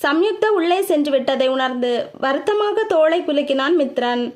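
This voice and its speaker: A woman narrating a novel aloud in a steady storytelling read. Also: sits high, moderate pace. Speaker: audiobook narrator. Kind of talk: scripted narration.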